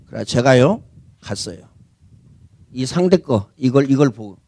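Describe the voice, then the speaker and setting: A man's voice: mid-range voice, lively intonation, a little slow, a little mellow. A man preaching a sermon as senior pastor, talking conversationally and asking rhetorical questions.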